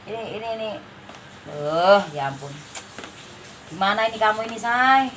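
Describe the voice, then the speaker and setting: A woman's voice: mid-range voice, animated, normal speed, a bit bright, slight background noise. A woman doing a casual spiritual card reading, chatty and coaxing, sometimes with a scolding tone. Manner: chatty, coaxing, refers to herself by name; scolding tone at times. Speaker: card reader.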